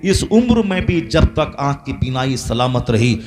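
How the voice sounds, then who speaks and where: A man's voice: medium pitch, sing-song, a little slow, crowd noise. A man preaching a sermon, building his points through repeated refrains and rising to impassioned peaks. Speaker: Islamic preacher.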